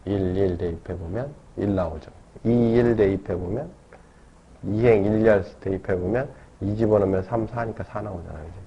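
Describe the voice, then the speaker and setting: A man teaching a math lesson, explaining step by step and often checking in with tag questions. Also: mid-range voice. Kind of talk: classroom lecture. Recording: dull lo-fi lecture recording.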